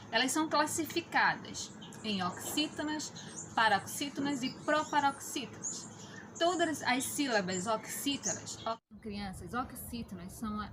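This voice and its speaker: Lady teacher talking to kids, high voice, patient, lots of "né?", hiss behind her. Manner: patient, explanatory, often checks in with "né?". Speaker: schoolteacher. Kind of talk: remote lesson for children.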